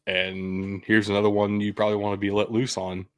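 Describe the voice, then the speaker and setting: Male sports host, deep voice, casual but blunt and opinionated analysis, dry studio-like closeness. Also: completely flat delivery, a little fast, dry recording. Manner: opinionated, blunt, occasionally profane.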